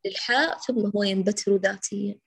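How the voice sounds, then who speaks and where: A woman teaching Quran recitation, patiently correcting a student, with affectionate words and sounds demonstrated slowly. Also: mid-range voice, steady tone, creaky, slightly rough. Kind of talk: correcting recitation in an online lesson.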